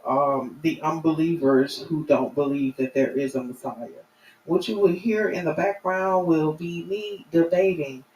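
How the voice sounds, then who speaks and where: A woman's voice: low voice, darkish tone. Earnest woman streamer in echoing room. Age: middle-aged or older. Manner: earnest, halting, emphatic. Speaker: live-stream host. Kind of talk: informal spoken commentary to viewers. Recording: roomy, distant mic, faint noise.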